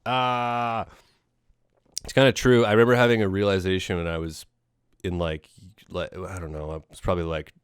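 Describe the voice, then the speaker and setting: Speaking at a moderate pace with long pauses, a man hosts a podcast in a low, level, smooth voice. He talks about a film in a rambling, casual way, packed with fillers, restarts and swearing, and the studio-quality audio has no room sound.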